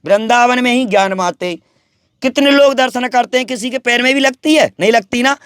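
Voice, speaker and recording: A man's voice: extremely high pitch, fairly quick, fairly bright tone, clear, resonant tone, dry recording, clean studio sound. A man, a wandering holy man, talking at length about spirits and devotion in a boastful, preachy way. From Braj region, India. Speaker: wandering sadhu interviewed. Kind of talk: rambling spiritual talk.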